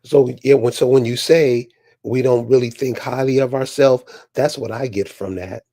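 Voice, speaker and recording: A man in casual, reflective conversation, speaking haltingly and deliberately and posing rhetorical questions. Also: mid-range voice, steady tone, mellow.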